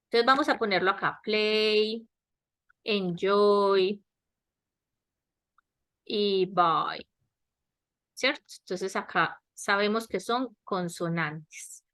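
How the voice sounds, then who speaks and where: Slow, bright-voiced woman teaching grammar. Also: medium pitch. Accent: Latin American Spanish. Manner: slow, explanatory, checks understanding with repeated questions. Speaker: English teacher. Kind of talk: online grammar lesson. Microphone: webinar headset or laptop mic.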